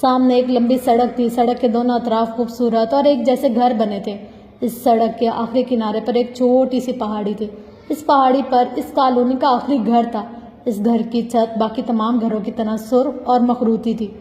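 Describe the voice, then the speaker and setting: Mellow woman narrating in an echoey room. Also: a little high, steady tone. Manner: tearful, intense, heartfelt. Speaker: audiobook narrator. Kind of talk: emotional first-person novel reading. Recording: echoey room with long reverb.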